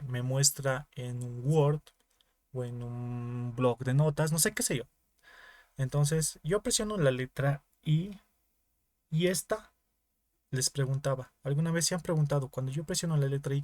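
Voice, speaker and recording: A man's voice: mid-range voice, a little mellow, no echo. A young man with a Bolivian Spanish accent teaching an online class, explaining in small repeated steps and often checking with the students. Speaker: teaching assistant.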